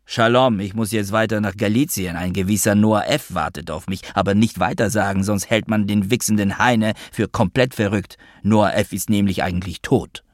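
A man reading a first-person novel aloud as an audiobook narrator, in a wry, measured telling. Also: fairly low pitch, no room sound, clean studio sound.

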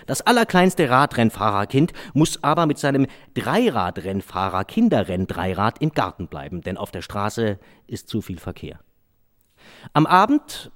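A man reading aloud children's stories as a storyteller, in an expressive, sing-song way. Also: medium pitch, measured pace.

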